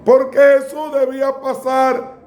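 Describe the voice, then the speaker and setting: A man preaching a sermon in a slow, emphatic way, with bursts of raised voice. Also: very high voice, completely flat delivery, darkish tone.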